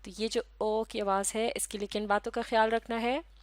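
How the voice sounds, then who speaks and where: A woman's voice: fairly high pitch, flat delivery, no echo. Woman teacher, Pakistani Urdu accent, patient step-by-step phonetics lesson, dry close voice. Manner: slow, repeats each sound several times. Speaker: English teacher.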